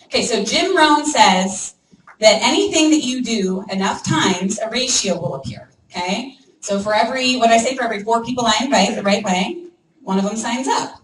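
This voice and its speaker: A woman giving a lively training talk to a room of people, checking in constantly with "okay?" and "right?". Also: fairly high pitch, normal speed, slight background noise. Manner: energetic, acts out prospects' voices, frequent "okay?" and "right?". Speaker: network marketing trainer. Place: meeting room with an audience. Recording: echoey room, mic from far off.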